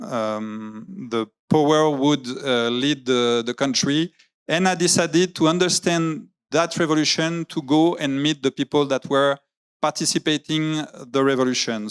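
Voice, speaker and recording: At a lecture venue, a man who writes graphic novels presents with slides, his English hesitant as he hunts for words, fills pauses, and begins sentences again. Even so, his voice stays smooth and clear, steady and unforced, at a middle pitch.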